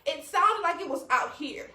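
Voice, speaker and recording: Woman host: very high, lively voice, laughing storyteller, roomy distant mic. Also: a little slow, slight background noise. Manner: laughing often, animated storytelling. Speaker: podcast host. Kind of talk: casual storytelling chat.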